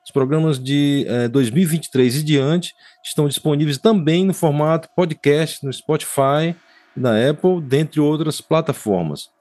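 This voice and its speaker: A man hosts and reads a formal, measured opening, his voice a little high for a man. The sound is dry and close. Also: a little mellow, dry recording. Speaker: host. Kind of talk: scripted show introduction.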